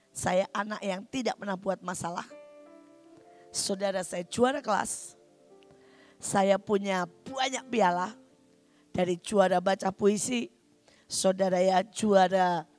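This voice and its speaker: A woman preacher giving a sermon testimony, talking straight to the congregation and moving between quiet, intimate passages and loud, emphatic ones. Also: medium pitch. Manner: addresses congregation often, swings from quiet to loud.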